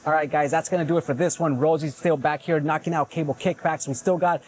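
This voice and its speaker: This fitness vlogger, a man in his forties, talks fast in a slightly high, darkish voice with fairly even intonation. Speaking casually to camera at the gym, he pumps himself up in an upbeat, self-mocking way.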